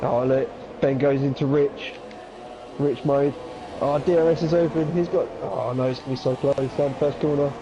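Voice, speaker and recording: A man doing live commentary on an online racing league, excitable, his voice jumping up whenever something happens on track. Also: medium pitch, normal speed. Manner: excitable, voice jumps up at incidents. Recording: dull lo-fi sound with game noise behind. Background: racing game engine noise.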